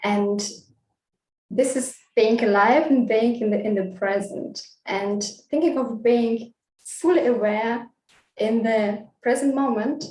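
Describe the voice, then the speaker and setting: Her voice fairly high-pitched and dark in tone, a woman raised in Russia and Vietnam talks slowly and thoughtfully about street photography as a festival guest speaker, often hesitating with fillers. The sound is echoey, picked up from a distance.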